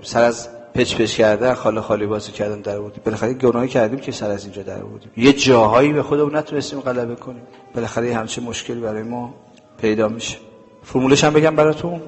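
A male preacher delivers a sermon to a live audience, with a mid-range voice that carries a long, ringing hall reverb. He speaks emphatically and drives each point home with rhetorical questions he answers himself. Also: medium pitch. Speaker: religious preacher.

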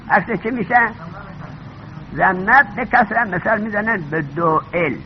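A male teacher gives a classroom lecture on grammar. He often stops to question his students and repeats the main points, and his high voice rises and falls a lot. The recording is dull and lo-fi, with a faint hiss underneath.

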